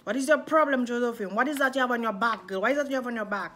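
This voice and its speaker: A woman's voice: fairly high pitch, very fast, fairly bright tone, slight background noise, pitched above the performer's own voice, natural voice. A young Dominican woman quoting her father as he questions her insistently, with a Dominican accent. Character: calm but stern father questioning his daughter.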